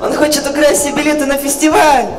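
A young performer plays an excitable cartoon monkey sidekick with a high voice, calling out in exclamations. The sound is distant and echoey in a hall with loud music. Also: fairly quick, a loud crowd, close to an everyday voice. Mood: alarmed. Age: young adult. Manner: exclamatory, alarmed calls. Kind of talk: children's cartoon parody stage skit. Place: large theatre stage, filmed from audience.

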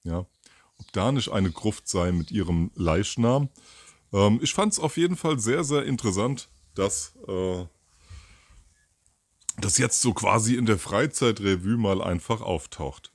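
Animated yet a little slow, this man's voice is on the low side and slightly rough, captured in a dry recording. He's in his fifties, hosting a casual solo commentary outdoors near a garden, rambling with lots of fillers and self-corrections into a furry-windscreened mic by the camera.

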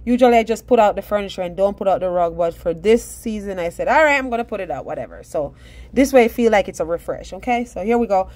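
A woman's voice: mid-range voice, expressive, quick pace, darkish tone. A middle-aged woman in a casual, rambling voice-over for her home DIY vlog, talking to viewers as guys.

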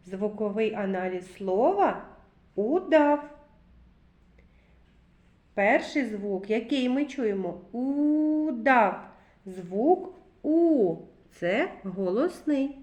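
Slow, lively woman teacher, echoey room. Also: on the high side. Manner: slow, clearly sounding out words. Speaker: kindergarten teacher. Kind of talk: recorded literacy lesson for young children.

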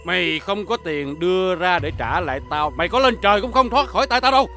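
A bullying moneylender leans on a poor debtor with a bright, forceful edge to his voice. He sounds threatening and leering as he talks down to the man. Soft music plays underneath. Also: on the high side, lively intonation, normal speed. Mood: shouting threats. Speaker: loan shark. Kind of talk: TV crime drama acting.

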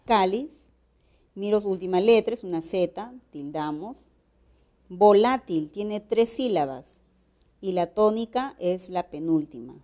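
Speaking in a mid-range voice with a dark tone, a Peruvian Spanish-accented woman takes her time explaining grammar. She keeps the lesson moving with rhetorical questions to check in.

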